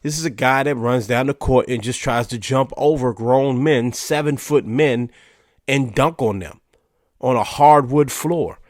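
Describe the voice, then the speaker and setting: Speaking a bit slowly in a mid-range, slightly mellow voice, a man hosts a podcast of casual solo commentary. Allergies give him a stuffy, nasal quality, and he keeps saying "you know" and restarting. The studio recording is clean with no room sound.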